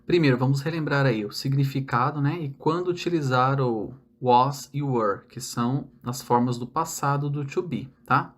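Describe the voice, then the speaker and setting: A young Brazilian man teaching English grammar in an online lesson, explaining step by step and checking in with frequent tag questions. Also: mid-range voice.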